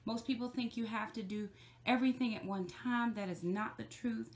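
A woman's voice: fairly high pitch, steady tone, husky. A middle-aged woman vlogging casually about tidying her bedroom, talking in a chatty, upbeat way into a phone camera held at arm's length. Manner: chatty and upbeat, drawn-out emphasis. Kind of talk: casual cleaning vlog. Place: bedroom in a home.

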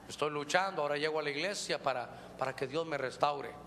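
A preacher voicing a self-pitying married man who flatters a single woman in a pleading, smooth-talking way. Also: a little high, fast talker, pitched below the performer's own voice, lightly acted. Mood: wheedling. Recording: reverberant church hall, faint noise.

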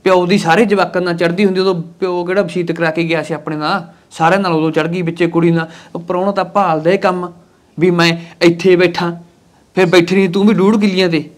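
An actor playing a scheming husband who calms his wife while plotting over the family land, with a Punjabi accent. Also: high-pitched, fast, lightly acted. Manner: placating, then scheming.

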